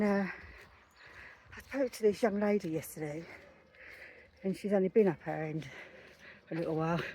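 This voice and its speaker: A woman's voice: medium pitch, a bit bright, a little hiss or hum. Chatty middle-aged woman outdoors. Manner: chatty storyteller, retells conversations. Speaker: self-help author. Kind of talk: casual walking vlog. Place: outdoors on a street.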